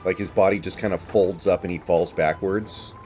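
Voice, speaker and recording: A man's voice: deep voice, steady tone, normal speed, darkish tone, soft background music. A man streaming a video game, chatting casually in an analytical, rambling way with some swearing. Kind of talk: casual chat over gameplay.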